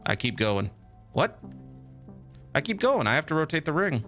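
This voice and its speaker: A man's voice: on the low side, moderate pace, a bit bright, faint music behind, natural voice. A man voicing an eager, bookish teenage boy in a video game, speaking in an earnest, slightly theatrical way. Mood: insistent.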